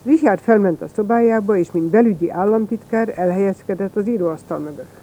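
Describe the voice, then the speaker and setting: A reader narrating a first-person story in a plain, even storytelling manner. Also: mid-range voice, rough recording.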